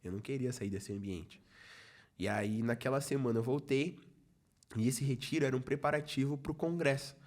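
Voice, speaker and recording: A young man from Brazil tells a personal faith testimony as a podcast guest. He talks in an easy, chatty storytelling way at a middle pitch and keeps acting out what other people said to him. It is casual conversation, not a performance. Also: darkish tone. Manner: storytelling, acts out quoted dialogue, many "falei assim" asides. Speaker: podcast guest, youth ministry leader.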